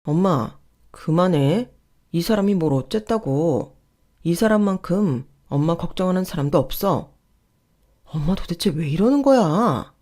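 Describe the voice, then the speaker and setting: A woman's voice: lowish voice, expressive, measured pace, dark tone. A woman voicing a frustrated adult son who speaks firmly and with exasperation. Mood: pleading. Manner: firm, exasperated.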